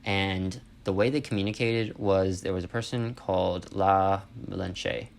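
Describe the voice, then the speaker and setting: A man's voice: sits low, steady tone, unhurried, gravelly. A man giving an informal history lesson as an instructor, explaining things conversationally and often checking in with listeners.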